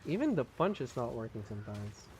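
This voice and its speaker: A man streams a game live, chatting and explaining his build while laughing often, though his voice sounds strained and he holds back a cough. His mid-range voice is brisk, very animated, a little mellow and slightly rough.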